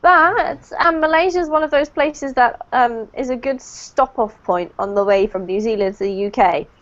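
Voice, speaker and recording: A woman's voice: fairly high pitch, normal speed, fairly bright tone, lo-fi sound. A woman from the UK who lives in New Zealand, teaching an online English class in a friendly way and laughing often. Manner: friendly, laughs often, talks over students. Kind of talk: casual online class chat.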